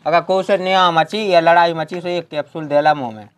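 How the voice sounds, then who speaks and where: A man's voice: fairly high pitch, fairly even intonation, fairly quick, clear, resonant tone, lightly acted. A man playing a village remedy seller in a comedy sketch, talking in a boastful, rambling way. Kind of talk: rural comedy sketch acting.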